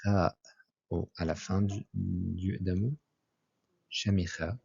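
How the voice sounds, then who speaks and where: A man with a low, gravelly voice teaches an Arabic lesson in a slow, methodical way, spelling out letters and saying each example word twice before explaining it. His delivery is flat and unhurried, with a darkish tone and a breathy edge. The recording is dull and lo-fi.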